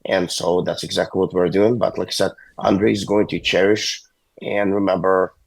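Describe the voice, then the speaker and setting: Phoning in from a hospital room for an interview, a hockey agent sounds hoarse and ill, his voice low, gravelly and husky. He speaks haltingly with lots of uhs and restarts, in a flat delivery. The phone audio is poor, dry and close, with no room sound.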